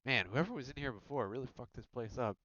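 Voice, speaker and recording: A man voicing a rough male thug who gripes coarsely while rummaging through a warehouse. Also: medium pitch, animated, quick pace, fairly bright tone, dry recording, voice pushed up, lightly acted. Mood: griping. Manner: coarse, griping. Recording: dull lo-fi mic.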